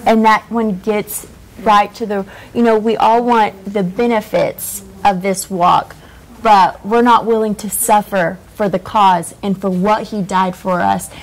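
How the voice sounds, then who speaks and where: A woman's voice: mid-range voice, steady tone, a little slow, low-quality recording. A woman hosting a casual faith talk, speaking earnestly. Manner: earnest, preachy. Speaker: host.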